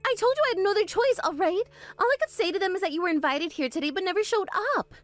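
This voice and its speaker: A spoiled young bride snaps and whines in a high, darting voice, as a woman acts her out. She is bossy and defensive, and her lines swing wildly in pitch. It is recorded close and dry over faint music. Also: animated, very fast, no room sound. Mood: shrill. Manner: shrill, demanding, defensive. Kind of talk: animated story voice acting.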